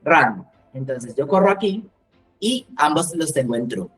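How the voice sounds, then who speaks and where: Low-voiced woman instructor for a coding lesson, patient step-by-step checks, soft music bed. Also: animated, moderate pace. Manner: explains step by step, checks in with "¿cierto?" and "¿vale?". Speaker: programming instructor.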